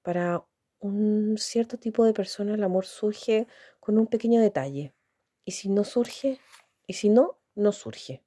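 A woman reading aloud, voicing a quiet, puzzled young man in a storybook reading, asking brief questions. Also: medium pitch, measured pace, husky, pitched above the performer's own voice.

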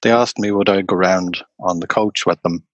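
Man, tour guide, unhurried storyteller, low voice, dry close sound. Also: fairly even intonation, no room sound, dull audio. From Ireland. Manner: slow, unhurried anecdotal telling. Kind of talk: conversational storytelling interview.

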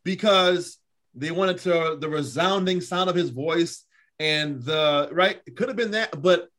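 A man's voice: on the high side, unhurried, a bit bright. A man co-hosting a podcast, chatting casually, laughing often and repeating himself. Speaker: podcast co-host. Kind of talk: casual chat.

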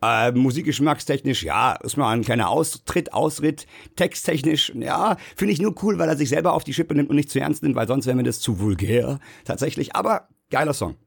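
A man with a gravelly, somewhat husky voice, talking quickly. He co-hosts a casual podcast and rambles in loose, slangy chat full of fillers. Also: mid-range voice. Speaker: podcast co-host.

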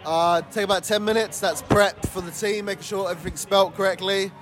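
A man's voice: high voice, fairly even intonation, fairly quick, fairly bright tone, soft background music. A man giving a matter-of-fact answer in group banter. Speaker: league player.

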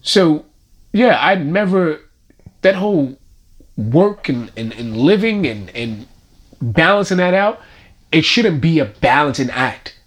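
A man with a light Brooklyn accent speaks in a fairly high, very lively voice. He is reflective and emphatic in casual conversation, often repeating a phrase to press a philosophical point. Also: slow pace. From Brooklyn, New York. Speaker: actor in conversation.

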